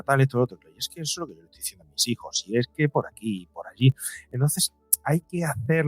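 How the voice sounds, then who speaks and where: A middle-aged man talks as a psychologist being interviewed, his mid-range voice recorded with no room sound. He explains things earnestly and with emphasis, keeping it conversational and often acting out imagined exchanges.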